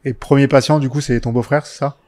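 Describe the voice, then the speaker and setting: A man's voice: mid-range voice, fairly even intonation, quick pace, dark tone. A man hosting a casual interview, prompting his guest with follow-up questions and short agreeing replies.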